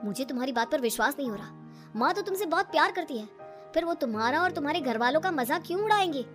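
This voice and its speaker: A woman's voice: high voice, expressive, fast. A woman voicing cartoon dialogue in a plain, firm way. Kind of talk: cartoon voice acting. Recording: light background music.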